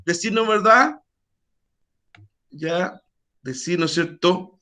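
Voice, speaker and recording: A man's voice: high-pitched, slow pace, pushed and bright. A man teaching a math class over a video call, quizzing his students and making chatty asides.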